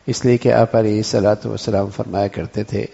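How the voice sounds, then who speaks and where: Gravelly male preacher in an echoing hall. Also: on the low side, little pitch movement, warm tone. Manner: explains by acting out one sentence in different tones. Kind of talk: Islamic sermon. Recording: dull recording in a long-reverb hall.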